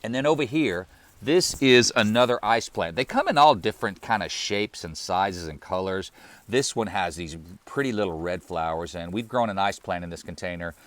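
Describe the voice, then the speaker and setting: Relaxed low-voiced man touring his deck garden. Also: moderate pace, no echo. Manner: relaxed, friendly, plainspoken with fillers. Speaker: gardening channel host. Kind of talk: casual garden tour walkthrough. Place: outdoor deck.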